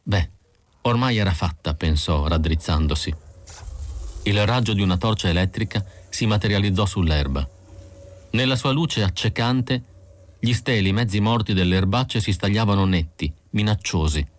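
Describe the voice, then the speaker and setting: A man narrating an audiobook with slow, measured reading. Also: on the low side, expressive. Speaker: audiobook reader.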